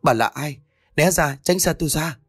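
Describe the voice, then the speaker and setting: A man's voice: normal speed, dry recording, clean studio sound, faint music behind, natural voice. A man voicing a terrified young pregnant wife who pleads in a frantic, raised voice. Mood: hysterical. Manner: frantic, high-pitched pleading.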